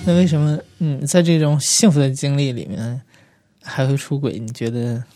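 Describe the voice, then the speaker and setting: A man hosting a podcast and interviewing a guest, asking measured, hesitant questions. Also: medium pitch, fairly even intonation, music in the background.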